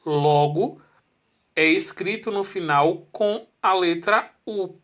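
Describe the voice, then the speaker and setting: A narrator with a mid-range voice steps through a spelling rule in a scripted, methodical way. The delivery is slow and measured. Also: mid-range voice, fairly bright tone.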